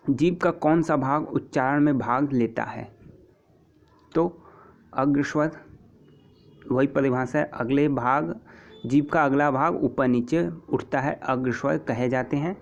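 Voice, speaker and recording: A man teaching an exam-prep lesson, patiently repeating terms and example sounds, with frequent throat clearing. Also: medium pitch, slow pace, pauses often. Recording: dull lo-fi recording.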